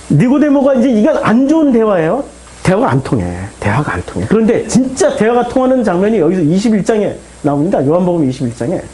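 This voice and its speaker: A man's voice: sits high, dark tone, slight background noise, poor audio. A male pastor preaching a sermon, talking emphatically and throwing rhetorical questions to the congregation.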